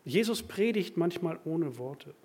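A preacher in a church, speaking in a husky, slightly high voice. His delivery is animated, rising to loud emphatic bursts and then dropping to quiet, confiding asides. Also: measured pace. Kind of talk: sermon.

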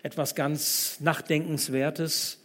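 A male preacher giving a sermon, reading a humorous text aloud slowly and deliberately. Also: fairly high pitch, little pitch movement, fairly bright tone.

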